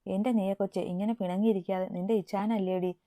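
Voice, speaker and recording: A woman's voice: medium pitch, fairly even intonation, brisk, mellow, dry recording, studio quality, close to an everyday voice. A woman voicing a playful, teasing young man in love from a romance story she reads aloud.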